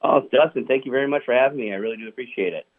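A man's voice: mid-range voice, racing. A man talking on the phone as an interview guest, upbeat and leaning on "you know" fillers. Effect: over the phone. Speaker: product manager guest. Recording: tinny phone line.

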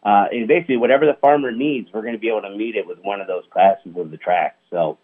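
Man over the phone, lowish voice, tinny narrow phone line, upbeat, radio interview guest, lots of fillers. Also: fast talker. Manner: upbeat, many "you know" fillers. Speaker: product manager guest.

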